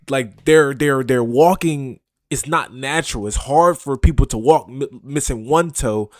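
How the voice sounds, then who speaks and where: A man's voice: fairly high pitch, no room sound. Guy doing casual reaction commentary, cursing and disbelieving, dry room. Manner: animated, incredulous, profane. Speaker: reaction video host.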